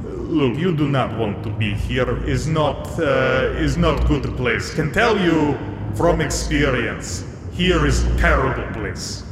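A man's voice: medium pitch, expressive, slow pace, roomy sound, in a large hall, background noise. A man playing a bearded stevedore in broken English. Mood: warning. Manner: broken English, blunt warnings. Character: bearded gruff male stevedore made of krill.

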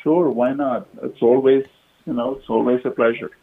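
A man's voice: mid-range voice, fairly even intonation, normal speed, creaky, husky. A man calling in to a radio show for a casual chat over a phone line. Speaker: phone-in caller. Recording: tinny, muffled phone line.

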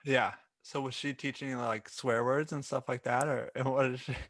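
Here the same kind of casual podcast questioning comes from a man with a medium-pitched, flat delivery. He speaks at a moderate pace, his tone fairly bright, and the recording is dry, his rambling questions full of "like" and "you know."

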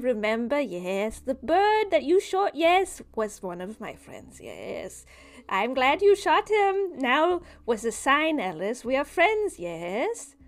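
A woman's voice: on the high side, full character voice. A woman doing a creepy coaxing dream spirit. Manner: slow, drawn-out, hissing "yes" after phrases.

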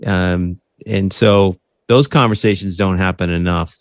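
With a deep, steady voice and a slightly slow pace, a man talks about his podcast in a casual interview, recorded cleanly in a studio with no echo. The host-turned-guest is earnest and conversational, frequently restarting phrases, repeating words, and asking "right?"

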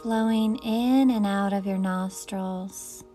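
Casting note: woman meditation guide, very unhurried delivery, soft music underneath. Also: medium pitch, fairly even intonation. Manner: soft, slow, soothing invitations.

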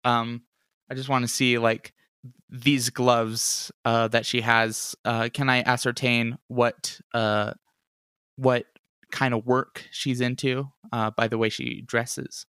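A man playing the detective in a tabletop murder-mystery game. He sounds wry and playful and stumbles over his words, with a smooth, resonant voice recorded dry and close. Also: mid-range voice, flat delivery, slow pace, a bit bright, dry recording. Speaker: player as detective. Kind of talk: casual tabletop role-play.

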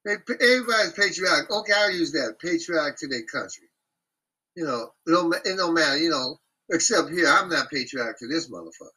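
A man hosting a casual group talk, speaking bluntly and profanely in an animated rant. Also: a little high, a little fast, slightly rough, rough recording.

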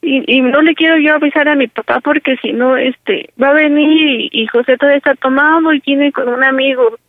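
A man's voice: very high voice, a little fast, dry recording. A man voicing a tearful pleading young woman. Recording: tinny phone line.

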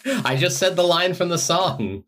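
A man co-hosting a podcast, chatting casually and teasing his friend with playful, deadpan jokes. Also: high voice, unhurried. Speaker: podcast co-host. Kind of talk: casual chat.

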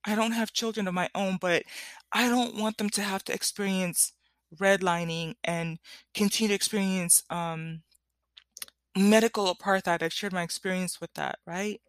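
Speaking straight to her followers, a woman who hosts her own solo show delivers emphatic, impassioned commentary, repeating key points and pausing to check in. She has a medium-pitched voice with a steady tone and moderate pace, recorded with no room sound.

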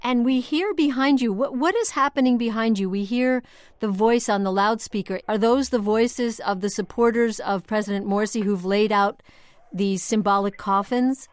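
Clear, high-voiced woman hosting news. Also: normal speed, no room sound. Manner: probing, summarising, conversational. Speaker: news programme host. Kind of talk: live news interview. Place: dry studio.

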